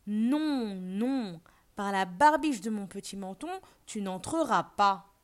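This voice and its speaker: A woman's voice: mid-range voice, expressive, normal speed, darkish tone, close to an everyday voice. A woman voicing a small, polite male piglet in a storybook reading for learners, asking nicely and then refusing firmly. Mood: defiant.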